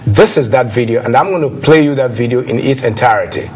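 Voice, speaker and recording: Male talk show host, hesitant, plenty of ums, mid pitch. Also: fast talker, darkish tone, slight background noise. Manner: hesitant, many filler sounds.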